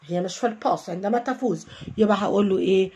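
An Egyptian woman teaching an online English lesson, repeating each English phrase slowly and then translating it. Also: medium pitch, dark tone, breathy edge. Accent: Egyptian Arabic.

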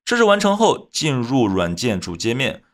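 A man narrating a scripted software tutorial as its host, explaining things step by step. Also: medium pitch, wildly swooping pitch, moderate pace.

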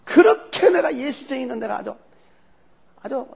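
An older man with a Jeolla Korean accent tells his testimony as a church elder, high-pitched and swooping all over. His voice is gravelly and husky, and he tells the story in a folksy way. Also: moderate pace. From Jeolla region, Korea. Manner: animated storyteller, loose and folksy.

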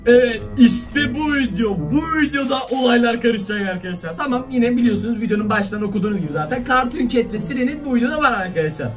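A man with a strikingly high voice gives excited, slangy reaction commentary to his viewers. He sits back from the mic. Faint music plays behind him. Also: fast, hardly any pauses, recorded from a distance. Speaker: video reaction host.

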